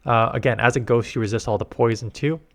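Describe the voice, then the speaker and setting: A man's voice: medium pitch, fairly even intonation, quick pace, creaky, fairly bright tone. A man from Canada giving casual commentary on game strategy, explaining at length and often correcting himself mid-sentence. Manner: rambling, self-correcting, explanatory. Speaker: gaming YouTuber.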